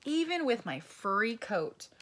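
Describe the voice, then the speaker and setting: A woman reading a picture book aloud to young children in an animated, exclamatory way, often pausing to ask the little listeners questions. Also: on the high side. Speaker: children's storyteller.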